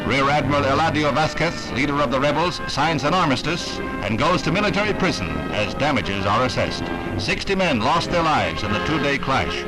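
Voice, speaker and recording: A man's voice: on the high side, poor audio. Man narrating an old newsreel. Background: loud music score.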